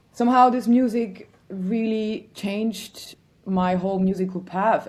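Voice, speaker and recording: A woman's voice: fairly low pitch, mellow. A woman from Germany, a musician guest answering interview questions reflectively and searching for words.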